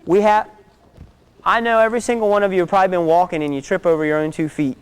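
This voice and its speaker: A man's voice: high voice, steady tone, fast talker, clean tone. A man teaching a self-defense class, giving direct instructions and often checking in with "okay?".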